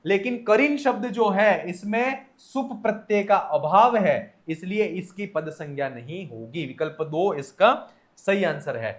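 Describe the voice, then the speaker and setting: High-voiced man explaining Sanskrit test answers. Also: measured pace. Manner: methodical, reading questions then explaining each option. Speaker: Sanskrit teacher. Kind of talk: exam test solution lecture.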